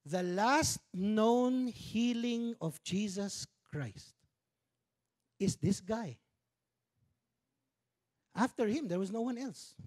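Speaking into a handheld mic on a church stage framed by dark curtains, this Filipino man in his fifties delivers a conversational sermon as pastor, sprinkling in playful Tagalog remarks. He has a high voice with a somewhat dark tone.

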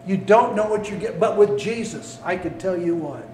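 A male pastor preaching a sermon, animated and swinging between loud calls and hushed asides, recorded in a church sanctuary. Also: high voice, moderate pace, a little hiss or hum. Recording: echoey room, mic at a distance.

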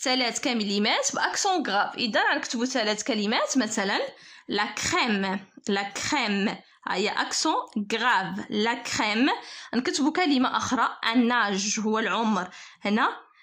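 A woman with a Moroccan Arabic accent teaching a spelling lesson, slowly and carefully dictating words for pupils to copy. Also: a little high, animated, fairly bright tone. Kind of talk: French spelling lesson explained in Darija.

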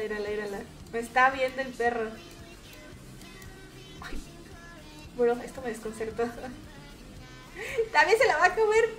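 With a fairly bright tone, a young gaming streamer with a Mexican accent keeps up a casual, chatty commentary while she plays, every so often bursting into shrill shrieks.

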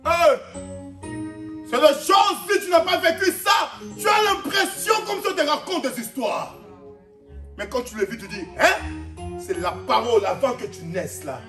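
Congolese pastor, high voice, animated sermon with shouts, echoey hall. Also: male voice, measured pace, far from the mic. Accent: Congolese French. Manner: animated, shouting out, laughing asides. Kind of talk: preaching sermon. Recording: echoey hall, off-mic, music behind.

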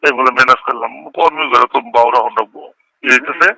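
A middle-aged Bangladeshi local politician speaks casually on a recorded phone call, with a quick, pushed and bright mid-range voice. The recording is dry, and he tends to repeat himself while checking the listener gets it.

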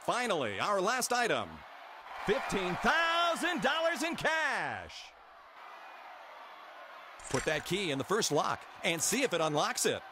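Game show host, high voice, super animated and emphatic, noisy game sounds behind. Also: male voice, brisk, hardly any pauses. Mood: upbeat. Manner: emphatic, exclaiming, instructing the contestant. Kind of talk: game show hosting, scripted. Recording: clear background game noise.

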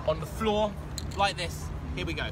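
A man's voice: sits high, moderate pace. A man in his twenties performing street magic patter as a theatrical magician, showy, with short commands and exclamations. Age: 20s. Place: outdoors in streets, parks and beaches. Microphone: phone camera at about arm's length. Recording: noisy outdoor street, loud chatter and traffic.

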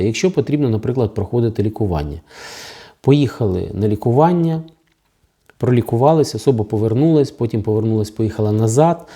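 A man's voice: fairly low pitch, warm tone. A man with a Ukrainian accent hosting his own legal channel, explaining new rules in a sarcastic, critical tone with many fillers. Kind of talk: direct-to-camera legal commentary.

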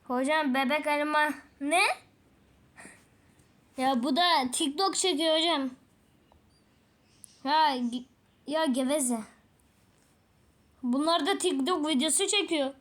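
A woman with a high, bright voice gives unhurried, casual commentary as she plays a game. She talks in a chatty, exclamatory way and laughs often, lingering over her words. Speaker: gaming channel host.

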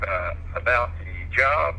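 A man's voice: mid-range voice, expressive, slow pace, vocal fry. A man answering a phone call at work, speaking in short, hesitant replies. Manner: terse, hesitant. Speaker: museum worker answering the phone. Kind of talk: phone conversation. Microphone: telephone. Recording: noisy, sharp telephone line.

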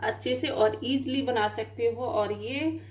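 Fairly high in pitch and unhurried, this woman's voice belongs to a cooking channel host. She demonstrates home cooking in her kitchen, laying out each step in plain terms and frequently saying "dekhiye."

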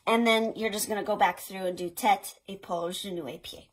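Speaking a little fast with fairly even intonation and a medium pitch, an American children's librarian in her thirties leads storytime in a small indoor play tent. She addresses young children and parents in an encouraging, instructive way, with slight background noise in the recording.

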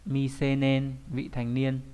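A man's voice: medium pitch, completely flat delivery, slow, mellow, clear, resonant tone. A man with a mid-range voice teaches kanji in a recorded online lesson. He talks in a loose, chatty way and keeps throwing in rhetorical questions and little tag questions.

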